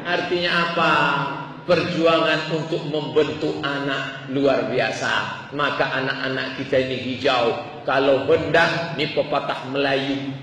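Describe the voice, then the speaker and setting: Bright-voiced male preacher in an echoey hall. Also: medium pitch, steady tone, unhurried, recorded from a distance, a little hiss or hum. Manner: storytelling, rhetorical questions, emphatic. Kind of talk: sermon. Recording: echoey hall with faint ambience.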